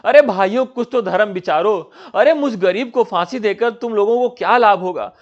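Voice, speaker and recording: A man's voice: high-pitched, normal speed, close to an everyday voice. A man reading as a wailing, pleading young disciple. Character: poor frightened male disciple facing hanging. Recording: dull lo-fi recording.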